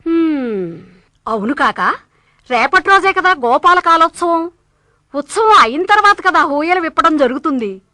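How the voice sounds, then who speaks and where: A woman's voice: sits high, very animated, a little slow, sharp tone, no echo, studio quality, full character voice. An actress playing a sensible, caring female devotee giving practical advice. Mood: concerned. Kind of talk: devotional drama dialogue.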